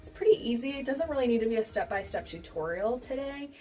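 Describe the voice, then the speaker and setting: A woman's voice: a little high, animated, fast, warm tone. A young American woman chatting casually and candidly, telling stories with swearing and acted-out dialogue, giggly at times. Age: young adult. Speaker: beauty vlogger. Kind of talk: casual chat with storytelling. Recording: distant mic with music behind.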